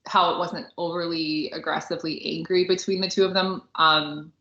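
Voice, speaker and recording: A podcast co-host with a low, bright, pushed voice chats informally about books and films at a normal pace with fairly even intonation, saying "like" a lot. The sound is slightly dull with a roomy echo.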